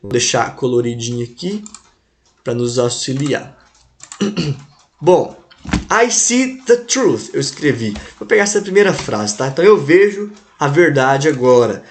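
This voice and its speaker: A man teaching English grammar in an online lesson, drawing out the example sentences slowly and checking in with the class. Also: medium pitch, animated, slight background noise. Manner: slow, drawn-out model sentences with frequent "né?" and "tá?" check-ins.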